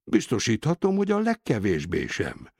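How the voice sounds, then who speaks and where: A man's voice: lowish voice, wildly swooping pitch, a little mellow, slightly rough, no echo, studio quality, full character voice. A man voicing a stocky, formal male deputy notary in an audiobook, polite and a bit fussy.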